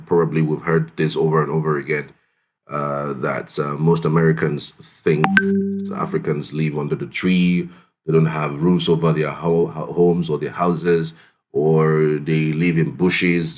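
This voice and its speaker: A man giving live news commentary, talking in a halting way with many restarts and fillers. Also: low-pitched.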